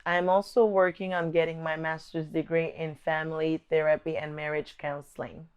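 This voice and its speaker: Speaking to camera as a vlog host, this young Congolese woman from the DRC earnestly recalls how she was raised. Her voice sits low with a flat delivery, the highs are cut off, and she occasionally restarts a sentence in her measured, thoughtful talk.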